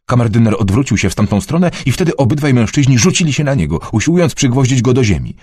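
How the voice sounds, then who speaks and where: A man narrating an adventure novel in a dramatic, expressive storytelling manner. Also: medium pitch, fast talker, slightly rough, dry recording. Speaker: audiobook narrator.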